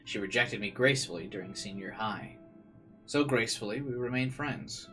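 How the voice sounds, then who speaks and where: Reading a visual novel's narration with theatrical flair, a man mixes in casual commentary over the game's music. His voice is fairly low-pitched, pushed and bright, and he speaks at a normal speed.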